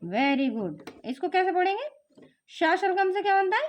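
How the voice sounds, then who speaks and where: A woman's voice: very high voice, big pitch swings, unhurried, dull audio. A young woman teaching a child to spell simple words, patiently stretching out syllables and asking coaxing questions. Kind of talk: home spelling lesson for children.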